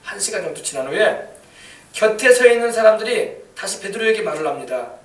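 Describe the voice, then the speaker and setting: High-voiced pastor preaching in an echoey church. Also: male voice, a little fast. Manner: animated, acts out quoted lines with rising emphasis. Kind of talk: sermon. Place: church sanctuary. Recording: echoey church hall, mic at a distance.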